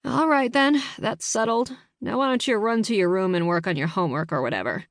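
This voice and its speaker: A woman's voice: lowish voice, expressive, moderate pace, no room sound, studio quality. A woman voicing a curt, no-nonsense grandmother in an audiobook. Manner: curt, dismissive. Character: blunt grandmother, cold and no-nonsense.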